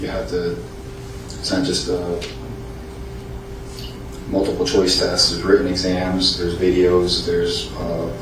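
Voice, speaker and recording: An American man giving courtroom testimony as an expert witness, answering formally and politely in a measured, hesitant way. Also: sits low, completely flat delivery. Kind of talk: courtroom testimony under questioning. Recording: echoey, distant, noisy courtroom audio.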